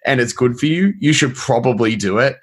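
A man's voice: mid-range voice, lively intonation, brisk, slightly rough. A man hosting a casual podcast chat, talking in a rambling, hesitant way with lots of "like" and restarts. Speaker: podcast host.

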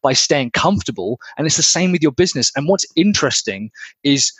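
A man co-hosting a casual podcast chat and coaching on sales in a blunt, energetic way, swearing freely and acting out customers. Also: on the high side, fairly quick, slightly rough, no room sound.

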